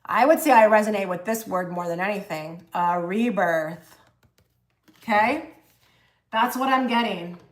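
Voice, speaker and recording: A half-Egyptian woman hosts a casual tarot-reading livestream, chatting with lots of fillers and restarts as she reads cards and responds to the chat. Her voice is mid-range, a little slow, and she pauses often.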